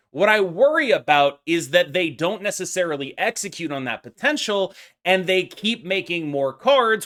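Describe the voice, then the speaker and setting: A man's voice: on the high side, fairly bright tone. A man giving unscripted opinion commentary as a gaming content creator, arguing emphatically and discursively with many qualifications.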